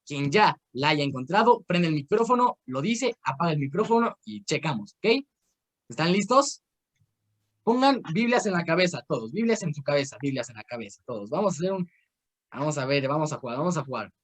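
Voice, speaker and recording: A man's voice: fairly high pitch, sing-song, fairly quick. A young man with a Mexican accent teaching an informal Bible course over a video call. He tells personal stories and gives game instructions in a rambling way, full of fillers and restarts. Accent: Mexican Spanish.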